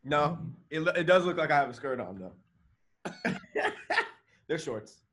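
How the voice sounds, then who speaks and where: A man's voice: a little high, animated, a little slow, a bit bright, a little hiss or hum. A man on a podcast panel, chatting and joking casually.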